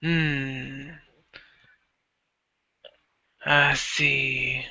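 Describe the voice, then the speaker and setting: Man doing an unhurried gravelly vampire father, dry dull recording. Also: mid-range voice, little pitch movement, sharp tone, no room sound, exaggerated voice. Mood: measured. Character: elder vampire father, calm, scheming, older man.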